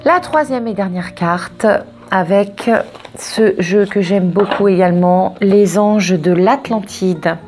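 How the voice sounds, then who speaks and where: Woman doing a chatty card reading, spiritual pep talk, goes off on tangents, soft music faint in the back. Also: medium pitch, slow pace. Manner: expressive, digressive, emphatic repetitions. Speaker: oracle card reader. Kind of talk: casual spiritual guidance.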